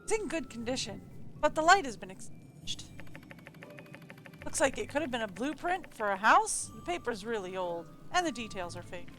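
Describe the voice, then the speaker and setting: A woman's voice: a little high, very animated, moderate pace, a bit bright, slight background noise. A woman giving casual, chatty gameplay commentary, teasingly talking to the game's characters. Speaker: gameplay streamer. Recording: game music behind the voice. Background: game music.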